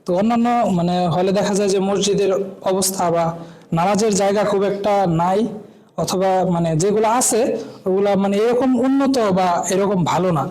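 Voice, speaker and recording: A man's voice: high voice, brisk, darkish tone, low-quality recording. A young man from Bangladesh, a new university student, introducing himself at a student gathering and filling nearly every phrase with "I mean". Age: young adult. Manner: rambling, constant "I mean" fillers.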